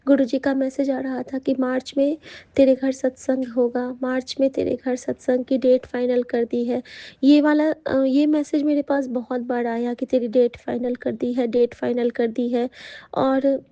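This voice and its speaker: A woman giving a heartfelt devotional testimony to the congregation, hesitating often with soft fillers. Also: high-pitched, little pitch movement, unhurried, no echo, lo-fi sound. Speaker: devotee sharing a satsang testimony. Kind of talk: devotional testimony, addressing the sangat.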